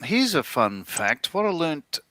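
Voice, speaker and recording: A man's voice: on the high side, very animated, measured pace, bright, forceful tone, no echo. A middle-aged Australian man co-hosting a livestream, chatting casually and telling rambling stories with lots of fillers and restarts. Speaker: livestream co-host. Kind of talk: casual chat.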